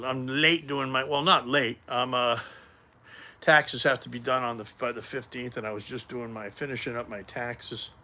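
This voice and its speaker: A man's voice: mid-range voice, sharp tone. A man, rambling casually to viewers on a live stream from his home workout space. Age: 50s. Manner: rambling, chatty, greets viewers by name. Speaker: livestream host. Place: home gym.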